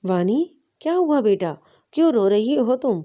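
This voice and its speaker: A woman's voice: fairly high pitch, expressive, mellow, muffled recording. A woman voicing a doting middle-aged father soothing his crying daughter.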